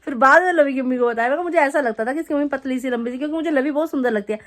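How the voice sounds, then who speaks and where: A young woman vlogger casually telling a story to the camera, chatty and animated, acting out the quotes as she goes. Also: sits high, rapid-fire. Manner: chatty, animated retelling with acted-out quotes and laughter. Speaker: family vlogger.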